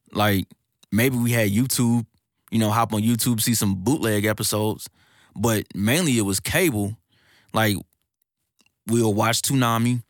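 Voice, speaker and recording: A man's voice: fairly low pitch, no room sound, studio quality. A man talking casually on a podcast, ranting in slangy street talk with laughing asides. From United States. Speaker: podcast co-host. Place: recording studio.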